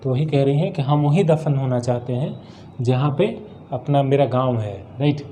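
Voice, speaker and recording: Man teaching words, mellow tone. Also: mid-range voice, slight background noise. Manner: reads English example sentences slowly, then explains them; asks and answers his own questions. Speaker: English teacher. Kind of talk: vocabulary lesson.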